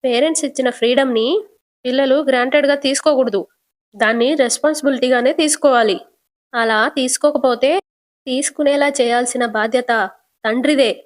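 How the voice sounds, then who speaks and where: A woman voicing an angry middle-aged father who shouts and lectures his daughter. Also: high voice, fairly even intonation, brisk, natural voice. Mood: stern.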